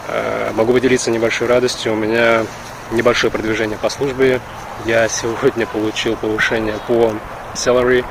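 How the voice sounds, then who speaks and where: Guy rambling on a vlog outside, pretty flat voice, kinda hesitant, loud wind on the mic. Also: on the low side. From Russia. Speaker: vlogger. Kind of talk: casual rambling outdoor vlog. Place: outdoors in a park. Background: wind and outdoor ambience.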